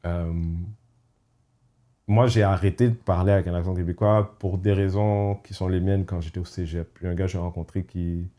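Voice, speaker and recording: On his podcast, a man chats in a relaxed way with fairly even intonation and a low, warm, mellow voice. His speech is thoughtful but hesitant, full of restarted sentences and English phrases woven in.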